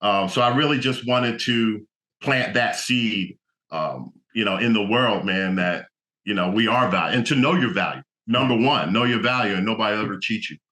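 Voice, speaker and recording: A man's voice: fairly low pitch, normal speed, pushed and bright. A middle-aged man from New Jersey, a guest actor and motivational speaker, talking reflectively in a casual interview with lots of "you know".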